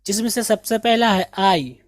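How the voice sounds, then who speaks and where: A woman teaching English, slowly drilling each word and its meaning in a patient lesson. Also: medium pitch, expressive, dry recording, clean studio sound. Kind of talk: slow vocabulary drill lesson.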